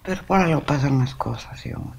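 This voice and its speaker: A Mexican woman hosting an interview, offering brief, gentle prompts and remarks. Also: a bass voice, animated, a little fast, vocal fry, husky. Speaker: interview host. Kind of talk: interview conversation.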